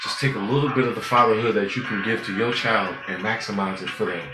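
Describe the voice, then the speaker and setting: A man's voice: steady tone, fast. Profane preachy man, roomy echo. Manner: profane and preachy, swinging between loud outbursts and low muttering. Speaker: vlogger. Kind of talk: unscripted street-talk monologue. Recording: roomy, with music playing behind.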